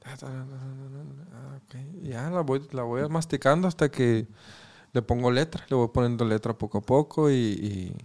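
A man with an ordinary, mid-range pitch. He talks in a laid-back, hesitant way, using plenty of slang, like a musician guest in a casual interview. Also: unhurried, gravelly, warm tone. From Mexico. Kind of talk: casual chat.

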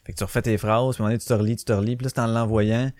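A man's voice: on the low side, steady tone, very fast, a little mellow, no echo, studio quality. Swearing Québécois man ranting. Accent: Québécois French. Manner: swearing, ranting storyteller who acts out quotes. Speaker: podcast host. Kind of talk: casual solo podcast monologue.

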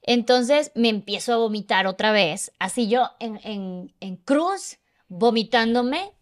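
A woman's voice: a little high, lively intonation, slow pace. A woman telling a personal story in casual podcast conversation, emotional and vivid, acting out the dialogue. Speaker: podcast guest.

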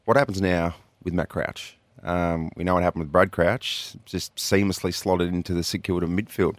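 Australian male radio host, very low voice, dry studio sound, chatty and upbeat. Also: fairly even intonation, normal speed, no echo. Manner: chatty, laughs often, reads out phone and text numbers. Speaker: radio sports show host. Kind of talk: upbeat breakfast radio banter. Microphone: studio microphone.

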